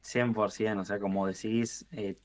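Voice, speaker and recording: Young Argentine man, lowish voice. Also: measured pace. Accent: Rioplatense Argentine. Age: 20s. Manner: relaxed, thinks aloud with fillers and restarts. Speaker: guest marketing expert. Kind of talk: podcast interview.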